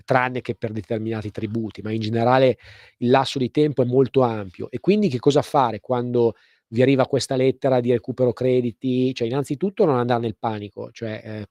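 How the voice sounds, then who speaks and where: A man hosting a live call-in radio show, explaining things informally with hesitant, pause-filled phrasing. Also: mid-range voice, a little mellow, dry recording. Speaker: radio host and legal advice presenter.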